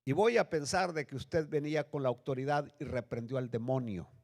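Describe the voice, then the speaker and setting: A male pastor preaching a sermon with dramatic swings between loud, high bursts and low, hushed lines. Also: brisk. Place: church sanctuary. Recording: long reverb of a church hall.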